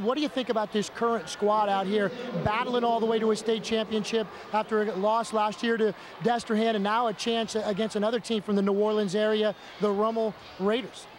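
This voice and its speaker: A male sideline reporter with a very high voice talks in a chummy, enthusiastic way. He is doing a live sports interview, with clear stadium noise around him. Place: stadium seats during a game. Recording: noisy stadium stands.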